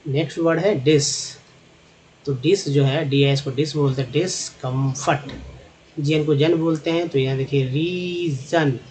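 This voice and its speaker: A man with a Hindi accent teaching English phonics, building words slowly from spelled-out parts and repeating each one. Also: on the high side, fairly even intonation, darkish tone, a little hiss or hum. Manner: slow, repetitive, drawn-out explaining.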